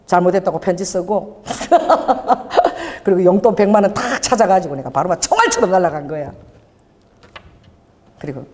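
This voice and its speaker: Lively middle-aged woman preaching in a reverberant church. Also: on the low side. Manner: animated preaching with call-and-response, laughing asides. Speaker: pastor. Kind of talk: sermon. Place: church sanctuary.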